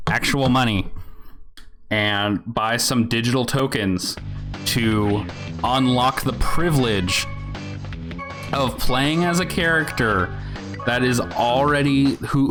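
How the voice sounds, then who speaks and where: A man's voice: mid-range voice, slow. A man giving a casual, sweary gaming rant in a rambling, sardonic, grumpy-old-man grumble. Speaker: video game reviewer. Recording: music behind the voice. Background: music.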